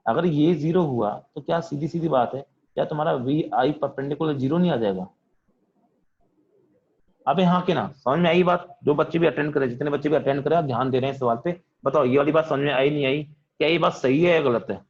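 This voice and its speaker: A man's voice: fairly high pitch, a little fast, muffled recording, slight background noise. A man teaching physics in an online class, asking questions and answering them in a student's voice, calling on students by name. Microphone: video call.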